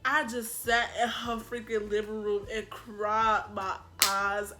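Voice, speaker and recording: Animated young woman telling a story. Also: mid-range voice, slow, music in the background. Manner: animated, slangy, dramatic retelling. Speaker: vlogger. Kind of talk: casual storytime.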